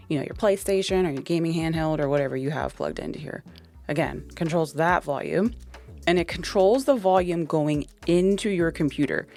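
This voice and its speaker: A woman's voice: low-pitched, darkish tone. A young woman giving a casual, chatty product walkthrough into a dynamic podcast mic, with plenty of fillers. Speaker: tech reviewer.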